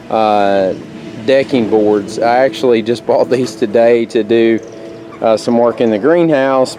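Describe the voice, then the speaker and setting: A man casually explaining a homemade chicken-watering project outdoors by a coop, relaxed and rambling with lots of fillers. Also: medium pitch. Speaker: homesteader showing a DIY build. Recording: outdoor noise, distant mic.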